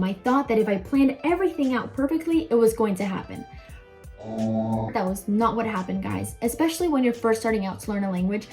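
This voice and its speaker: With a warm voice on the high side, a young woman gives viewers relaxed tips as host of a language-learning video. Her style is informal, talkative and emphatic, and she is a young adult.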